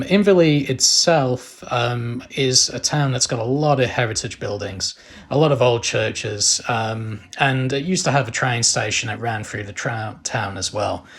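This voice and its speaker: Aussie guy, bit husky, chatting through his camping trip like a laid back vlog story. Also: medium pitch. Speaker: camping vlogger. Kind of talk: casual travel vlog narration.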